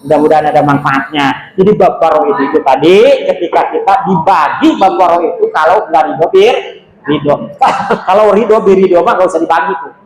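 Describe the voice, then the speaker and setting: A man giving an animated, religious study sermon. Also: a little high, a little fast. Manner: animated, colloquial, rises sharply for emphasis. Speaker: religious teacher. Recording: echoey room with faint background noise.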